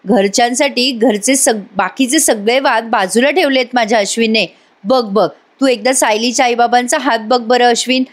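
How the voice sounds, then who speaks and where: A woman's voice: fairly high pitch, moderate pace, natural voice. Woman voicing an approving old patriarch.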